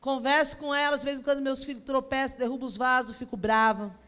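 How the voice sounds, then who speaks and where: A woman pastor, telling a personal story in an animated sermon that swings from soft to loud. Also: sits high, fast talker. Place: large church auditorium, on stage. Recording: long reverb of a large hall.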